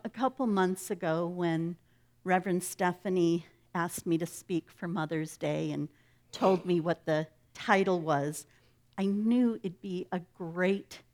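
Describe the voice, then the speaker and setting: Woman guest speaker, low-ish voice, unhurried delivery, reads a story gently then speaks personally. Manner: slow, gentle storytelling with soft, hushed dialogue. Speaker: guest speaker at a church service. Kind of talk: reading a story aloud, then a personal talk.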